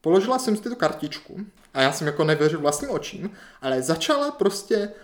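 A man's voice: on the high side, big pitch swings. A man telling a long anecdote in casual chat, rambling and checking in with tag questions. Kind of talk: casual storytelling.

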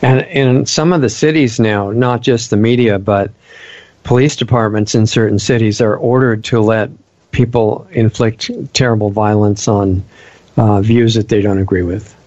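A radio host with a fairly low voice chats with his guest, agreeing often and raising his own points earnestly. The sound is muffled and lo-fi. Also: fairly even intonation, normal speed, darkish tone. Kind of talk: casual radio talk. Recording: dull lo-fi audio.

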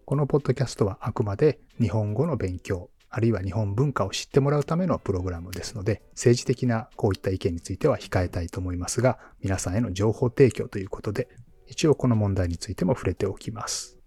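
Soft-spoken man with a low, mellow voice. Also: expressive, fast, breathy edge, no room sound. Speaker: podcast host and Japanese teacher. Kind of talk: podcast interview.

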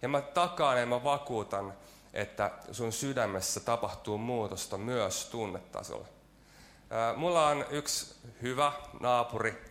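A man delivers a sermon in a church, weaving a personal anecdote with self-mocking asides. He talks loosely and hesitantly, full of fillers and restarts. His voice sits at an ordinary middle pitch. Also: a bit bright. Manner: storytelling with self-deprecating jokes and frequent fillers. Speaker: preacher.

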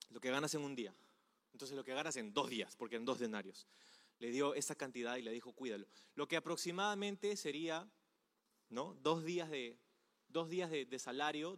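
A man with a somewhat high voice preaches a sermon in a relaxed, conversational way. He keeps turning to his listeners with rhetorical questions. His voice rings out with a long reverb, as if in a large hall. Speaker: pastor.

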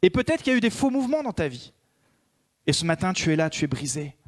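A man preaching a sermon as a pastor, swinging between emphatic raised peaks and hushed prayerful passages. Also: fairly high pitch, big pitch swings, fast talker.

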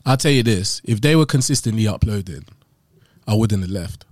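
Deep-voiced London roadman, casual and dry-sounding. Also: expressive, normal speed, darkish tone, no room sound. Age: late 20s. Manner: London roadman slang delivery. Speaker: video editor being interviewed. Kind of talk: casual conversational interview.

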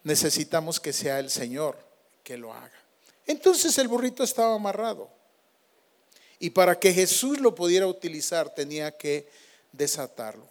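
High-voiced man preaching a sermon. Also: very animated, normal speed. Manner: emphatic preaching with swings from loud to hushed. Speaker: pastor.

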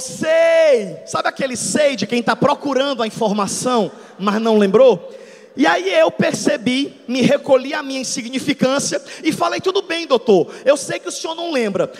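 A man in his thirties, a pastor, preaching a dramatic testimony sermon that swings from soft storytelling to shouts. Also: very high-pitched, creaky, in a large hall. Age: 30s. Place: church hall.

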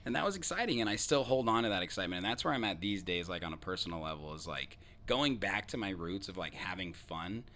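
A young man hosts a casual podcast, his voice low-pitched yet bright and forceful. He talks loosely and swears easily, leaning into animated stories. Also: fast, few pauses. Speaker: podcast host and DJ.

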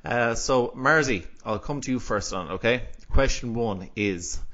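A man's voice: medium pitch, unhurried, fairly bright tone, highs cut off. A man with a west of Ireland Galway accent, hosting a casual podcast chat. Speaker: podcast host.

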